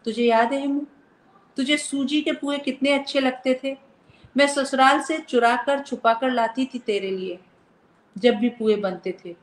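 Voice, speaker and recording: A young elder sister figure, stern yet loving, speaks with heartfelt feeling, voiced by a woman reading a story. Her voice sits a little high. The sound carries a roomy echo. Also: a little slow. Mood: tender. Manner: scolding then tender, heartfelt.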